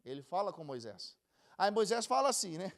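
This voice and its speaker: A man's voice: sits high, big pitch swings, brisk. A man with a Brazilian Portuguese accent teaching a casual Bible class, chatty and joking as he goes. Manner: chatty, jokes and laughs while teaching.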